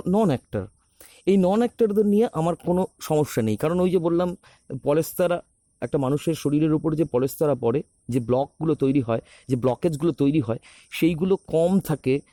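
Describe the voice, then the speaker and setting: A theatre director and actor talking reflectively, with many pauses and restarts, recorded on a phone. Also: male voice, a little high, dark tone, dry recording, clean studio sound. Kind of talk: recorded talk on a podcast.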